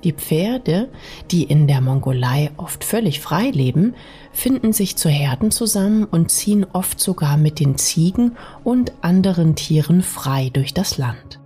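Soft whispery lady doing a sleep story narration, really slow and soothing, bit of music behind. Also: deep voice, expressive, slightly rough. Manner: soft, soothing, partly whispery, addressing the listener intimately. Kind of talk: scripted bedtime sleep story narration, guided relaxation.

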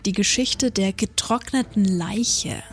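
A woman podcast co-host reading a creepy first-person story aloud in a measured, suspenseful way. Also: mid-range voice, slight background noise.

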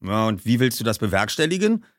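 A man's voice: fairly low pitch, sing-song, a little fast, no room sound, clean studio sound. A man voicing a boastful, offhand rich teenage skater boy. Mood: mocking. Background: background music.

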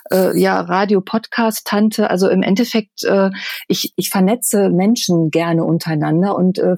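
A woman's voice: medium pitch, dark tone, dry recording. A woman from Düsseldorf, chatting as a podcast guest, laughing often and using many fillers. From Germany, Düsseldorf. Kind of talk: casual podcast chat.

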